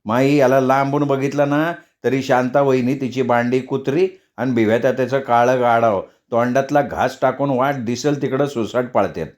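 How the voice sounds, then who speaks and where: A man's voice: medium pitch, steady tone, moderate pace, few pauses, a little mellow, natural voice. Man doing a taunting older brother. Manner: taunting, tattling. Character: elder brother, mocking teenage boy.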